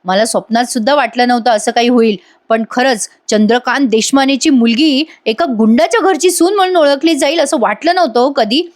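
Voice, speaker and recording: A woman's voice: fairly high pitch, brisk, dry recording, clean studio sound, lightly acted. A woman voicing a scheming young man who stirs up a father against his daughter's in-laws.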